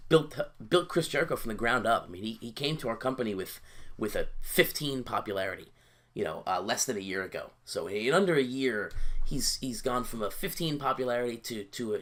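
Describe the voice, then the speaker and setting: A man casually talking through his wrestling booking game, halting with fillers and repeated words, a bit sleepy and yawning. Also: on the low side, a bit bright. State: sleepy, yawning early in the day. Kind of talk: casual gameplay commentary.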